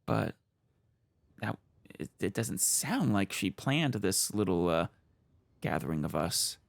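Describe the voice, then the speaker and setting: A woman's voice: extremely low pitch, big pitch swings, slow, vocal fry, dry recording. A woman doing casual let's play commentary, musing aloud and reacting as she goes. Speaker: let's player.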